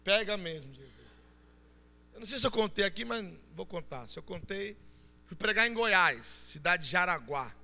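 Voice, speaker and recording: Brazilian pentecostal preacher guy, really high sharp voice, yelling then going soft. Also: lively intonation, normal speed, creaky, in a large hall. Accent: Brazilian Portuguese. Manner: shouting fervently, then dropping to soft storytelling. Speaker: pastor. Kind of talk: Pentecostal sermon. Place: church.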